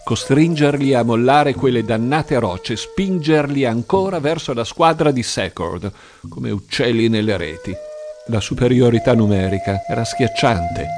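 A man reading a dramatic audiobook in an expressive, tense storytelling manner. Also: mid-range voice, a little slow. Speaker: narrator. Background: music.

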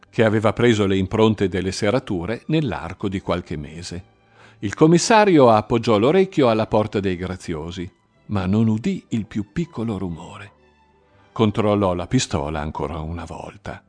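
A man reading crime fiction aloud in a measured, dramatic way. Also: low-pitched, a little mellow. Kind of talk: audiobook crime narration.

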